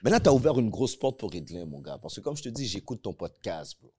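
Male podcast host, lively, probing delivery. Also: lowish voice, brisk, husky. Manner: probing, teasing questions. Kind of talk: casual banter.

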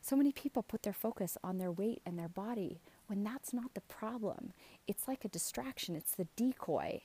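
A woman's voice: medium pitch, expressive, moderate pace, warm tone, slightly rough. A middle-aged woman giving a casual, earnest motivational talk as a coach, speaking out of the side of her mouth and checking in with emphatic questions. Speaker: self-esteem coach hosting a show.

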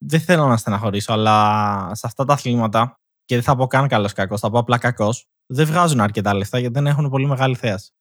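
A man's voice: mid-range voice, dry recording. A young man co-hosting a casual podcast, teasing his partner with dry jokes. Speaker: podcast co-host. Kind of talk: casual chat.

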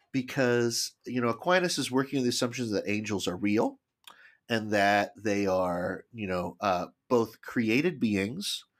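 A man co-hosting a casual podcast, tentatively explaining a book at length. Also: mid-range voice. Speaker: podcast co-host.

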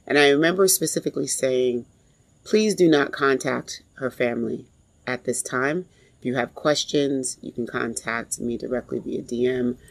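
A woman in her forties telling a personal story in a reflective, halting way. She is grieving and pauses often to compose herself. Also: a bass voice, gravelly, husky, poor audio. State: grieving, emotionally strained.

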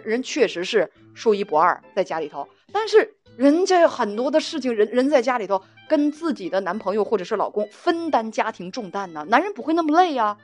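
Animated woman telling a relationship story. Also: on the high side. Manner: animated, chatty, acts out quotes. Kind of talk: storytelling monologue.

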